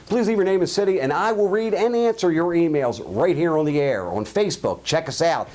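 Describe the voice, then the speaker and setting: Pitched on the high side and a little mellow, his delivery is animated and fairly quick. He's a Baltimore, USA host with a Highlandtown accent, mixing an opinion monologue with listener mail and answering emails with blunt humor.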